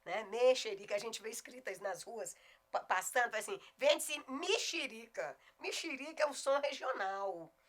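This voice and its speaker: A middle-aged woman with a Goiás Brazilian accent teaching a video lesson on spelling, emphatic and often slowing down to spell words out. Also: a little high, a bit bright. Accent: Goiás Brazilian Portuguese. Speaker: Portuguese teacher.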